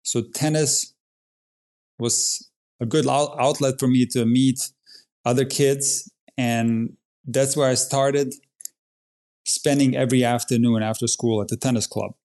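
A man's voice: mid-range voice, fairly even intonation, measured pace, a little mellow. A man in his forties from Croatia, a tennis coach telling his story in a podcast interview in an earnest, plain-spoken way. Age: 40s.

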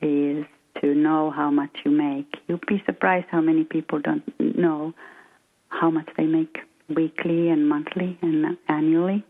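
Finnish-accented woman, middle-aged, lowish voice, hesitant interview guest, phone-line sound. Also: flat delivery, measured pace. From Finland. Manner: hesitant, many fillers and restarts. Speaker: guest financial coach. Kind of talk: casual interview talk.

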